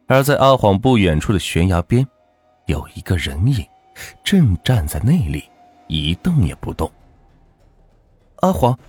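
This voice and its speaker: A man narrating a folk ghost story in a dramatic, measured way. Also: fairly low pitch, breathy edge.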